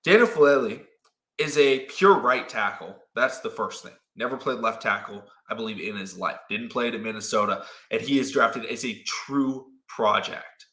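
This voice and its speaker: Brief: young male sports host, animated, quotes players in quick asides, bright tone. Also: mid-range voice. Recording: roomy echo.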